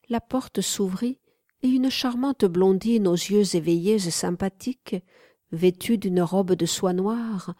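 Female audiobook narrator, calm and measured; low, warm tone, dry close recording. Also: no room sound. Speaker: audiobook reader.

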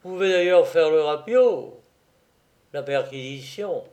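A man's voice: a little high, expressive, a little slow, darkish tone. A man voicing a frightened petty criminal who turns eager and pleading once reassured. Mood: relieved.

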